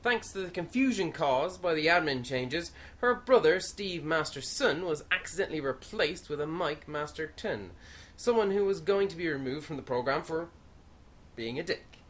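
Woman voicing a vain male station commander for an audio comedy, lowish voice, showboating. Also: animated, moderate pace. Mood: smug. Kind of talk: comic radio-play acting.

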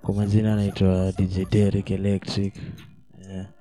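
A man's voice: low-pitched, monotone, normal speed, mellow. A man with a Kenyan accent, a DJ guest chatting casually in street slang. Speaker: DJ, interview guest.

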